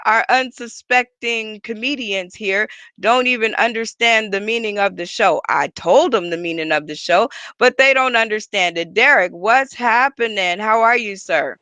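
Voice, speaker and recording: A woman's voice: mid-range voice, normal speed, few pauses, bright, forceful tone, no room sound. A woman hosting a comedy showcase, introducing comedians in a playful, teasing way. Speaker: show host.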